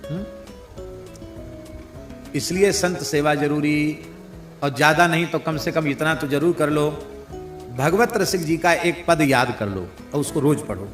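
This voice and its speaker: A man delivers a devotional sermon in a slightly high voice. He speaks very slowly and deliberately, posing rhetorical questions to his listeners. The sound is roomy and echoing, with faint music underneath. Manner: unhurried preaching with rhetorical questions and recited verses. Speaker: spiritual teacher. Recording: echoey hall with faint music.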